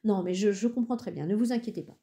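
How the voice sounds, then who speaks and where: A cheerful, accommodating woman in her late twenties with a sense of humor, as a reader voices her. The tone is very dark and mellow, in an audiobook. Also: mid-range voice, fast talker, lightly acted.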